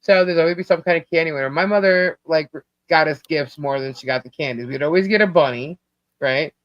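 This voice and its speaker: Talking briskly in a low voice, a woman from Long Island, New York hosts a live stream of easygoing chat, rambling and laughing often while her bad connection cuts her out. The audio is dry, dull and lo-fi, without room sound.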